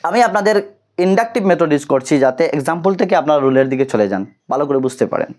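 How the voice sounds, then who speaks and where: A man's voice: a little high, expressive, fast talker, a little mellow. Bengali-accented man teaching grammar step by step. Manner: explains step by step, spells out letters and repeats key terms; self-correcting, occasional slips and restarts. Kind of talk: explaining a lesson to students.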